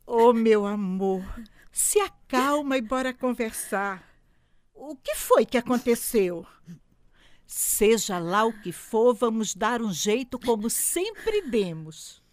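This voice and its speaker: A woman voicing a warm, supportive mother in an amateur radio drama, soothing and motherly. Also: fairly high pitch, animated, slow pace, no room sound. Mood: tender. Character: middle-aged mother, warm, calming, supportive.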